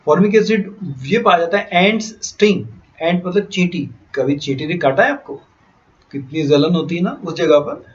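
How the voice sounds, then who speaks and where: A man's voice: fairly high pitch, animated, normal speed, lo-fi sound. A man teaching a science class, going down a list and asking the class questions. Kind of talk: classroom lecture in Hinglish.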